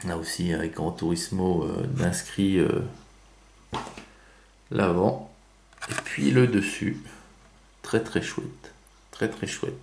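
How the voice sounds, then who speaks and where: A man's voice: deep voice, slow, vocal fry, long pauses, darkish tone, reverberant, a little hiss or hum. A man giving casual unboxing commentary on toy cars, chatty, with many fillers and self-corrections.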